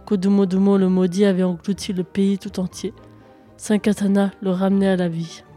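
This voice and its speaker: A woman storyteller reading a folk tale aloud in a steady, expressive way. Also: mid-range voice, fairly quick, soft background music.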